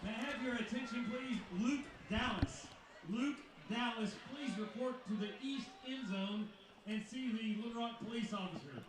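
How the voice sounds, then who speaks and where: A high-voiced man making formal announcements over a stadium loudspeaker. His measured calls ring out through the loudspeaker with a heavy echo and come from far off. A noisy ambience sits behind him. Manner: measured, repeats each call. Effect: heard over a stadium loudspeaker. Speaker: stadium public-address announcer.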